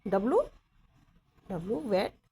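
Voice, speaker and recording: A woman teaching shorthand, going through each letter slowly and repeating the strokes as she writes them. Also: medium pitch, expressive, warm tone, breathy edge. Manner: deliberate, repeats letters and directions while writing. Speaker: stenography teacher. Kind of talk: slow step-by-step lesson explaining shorthand strokes.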